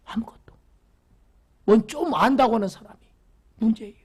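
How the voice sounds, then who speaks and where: Husky-voiced pastor preaching fervently. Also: medium pitch, normal speed. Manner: fervent preaching, swinging from loud exclamations to hushed whispers; repeats phrases for emphasis, asks the congregation rhetorical questions. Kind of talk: Wednesday church sermon.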